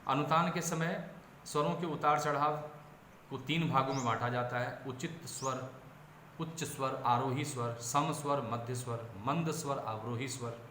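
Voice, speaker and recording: A man from India lectures on teaching methods, explaining patiently, restarting phrases and leaning on example words to show stress. His voice sits at a middle pitch. It was recorded in an echoey space with a faint ambient hum underneath. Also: steady tone, unhurried, a bit bright. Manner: explanatory, repeats and self-corrects, stresses example words aloud. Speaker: education lecturer. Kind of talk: classroom-style lecture. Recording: roomy echo, faint ambience.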